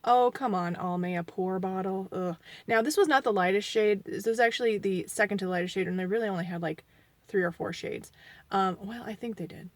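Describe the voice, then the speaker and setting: A beauty vlogger in her forties gives a casual review of a foundation, chatty, rambling, and self-deprecating, a bit sniffly from allergies. Her medium-pitched voice moves fairly quickly, turning quieter and mumbly while she applies makeup.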